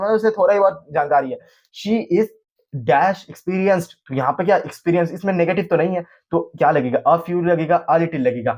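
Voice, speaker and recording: A man explains English grammar casually. He quizzes his students aloud and answers his own questions. He reads each example sentence slowly and deliberately. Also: sits high, darkish tone.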